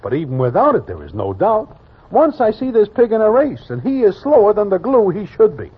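Vintage radio Broadway gambler: mock-formal wisecracker, highish voice, hugely animated, muffled recording. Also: male voice, a little fast, husky, heavily acted. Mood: wry narration. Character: wry, slangy Broadway horse-race gambler and narrator. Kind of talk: old-time radio drama acting.

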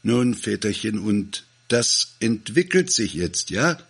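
A man's voice: on the low side, very animated, takes it slowly, creaky, husky, voice pushed up, heavily acted. A man voicing suspicious, grim male peasants who mutter their questions. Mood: grumbling.

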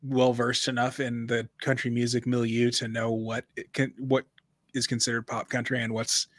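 A man's voice: mid-range voice, flat delivery, moderate pace, fairly bright tone, no echo, studio quality. A man co-hosting a podcast, talking in a rambling, chatty way, often restarting and correcting himself. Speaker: podcast co-host. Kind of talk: casual conversational podcast chat.

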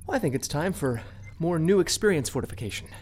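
A woman's voice: low voice, big pitch swings, quick pace, darkish tone, a little hiss or hum. An actress voicing a hesitant, rambling young male crew recruit in an audio drama.

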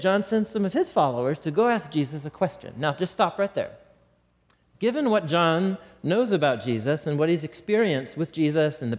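A man teaches scripture in a relaxed, conversational way, his fairly high voice swinging up and down with energy. He keeps turning to his listeners with questions. The recording carries a long, lingering reverb. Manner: animated, talks to the audience with rhetorical questions. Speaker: Bible teacher.

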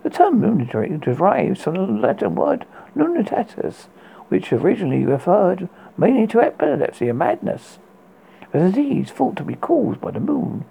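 Man voicing a sly, creaky goth girl. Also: high voice, huge pitch swings, normal speed, dark tone, heavily acted, rough recording. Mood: matter-of-fact. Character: sly young goth woman, secretly a werewolf. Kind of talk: horror host storytelling.

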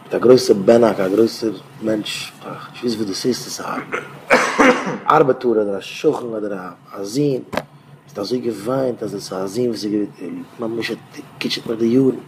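A man, a rabbi, giving an informal Torah talk in a rambling, conversational way with sudden louder bursts. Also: on the low side, moderate pace, background noise.

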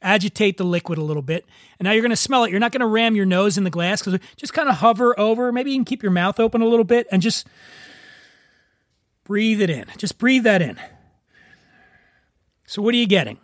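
A man with a raspy voice, hosting a casual interview as a podcast host. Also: high voice, expressive, fairly quick, pauses often, no room sound, studio quality.

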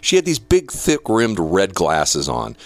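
A man's voice: low voice, wildly swooping pitch, measured pace, dry recording. A man hosting a talk show, reading news quotes aloud with chatty, opinionated asides and laughter between points. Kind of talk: casual talk radio commentary.

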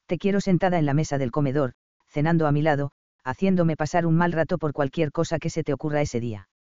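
A man reading the part of a confident, tender and possessive lover, speaking low and intimately. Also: fast, darkish tone, clean tone, no room sound, close to an everyday voice. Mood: tierno, firme. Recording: dull, dry audiobook recording.

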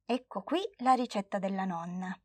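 A soft, serene old grandmother from a storybook, voiced by a woman reading aloud. She speaks calmly and quietly, always reassuring. The sound is close and dry. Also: medium pitch, moderate pace, breathy edge, dry recording, close to an everyday voice. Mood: gentle.

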